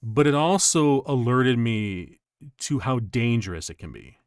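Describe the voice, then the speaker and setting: A man's voice: mid-range voice, animated, unhurried, clear, resonant tone, dry recording, studio quality. A man from the United States chatting casually on a game livestream, rambling through stories with frequent restarts and laughs. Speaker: streamer.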